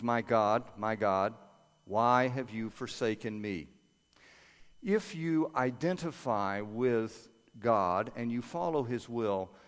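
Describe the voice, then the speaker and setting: An older man preaching a sermon and praying aloud, earnest, moving from quiet prayer to lively storytelling. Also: medium pitch. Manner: earnest, prays aloud softly then preaches with rising energy. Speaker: pastor. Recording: long reverb of a large hall.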